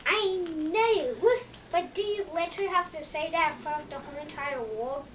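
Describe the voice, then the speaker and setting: A young woman chatting casually in a movie review, excitable and emphatic, leaning hard on "literally". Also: sits high, normal speed, distant mic, a little hiss or hum.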